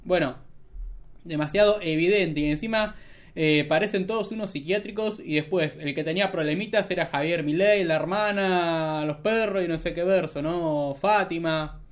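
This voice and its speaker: A man's voice: a little high, moderate pace. A young Argentine man doing casual political commentary as a streamer, sarcastic and mocking, at a desk mic in a small room. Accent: Argentine Spanish.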